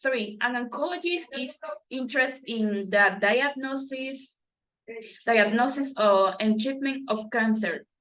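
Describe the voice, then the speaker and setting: Slow, halting woman reading a textbook. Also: fairly high pitch, fairly bright tone, low-quality recording. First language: Spanish. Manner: halting, self-correcting reading with restarts. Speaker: student reading textbook exercises.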